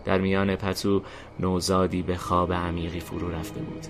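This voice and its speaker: Male narrator, very deep voice, steady scripted reading, faint music under. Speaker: narrator and host.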